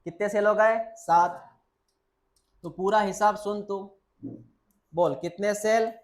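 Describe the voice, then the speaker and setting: A man's voice: high-pitched, fairly even intonation, unhurried. A male biology teacher speaking Hindi with English terms in a classroom lecture. He quizzes students with the same question several times and answers it himself, calling them "beta". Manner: repeats key points and quizzes students, answering his own questions; coaxing, calls the listener "beta".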